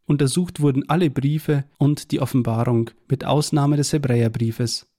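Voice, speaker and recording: A man reading a devotional Bible tract aloud in a measured, earnest way, quoting scripture verses. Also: mid-range voice, fairly even intonation, dark tone.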